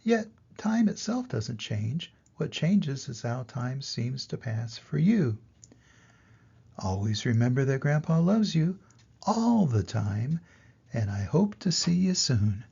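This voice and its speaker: Gravelly, animated grandpa voice reading a story. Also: male voice, mid-range voice, takes it slowly, highs cut off. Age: older. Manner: grandpa voice, expressive delivery to little children. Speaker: grandfather reading a children's book aloud. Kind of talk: storytelling read-aloud for young children.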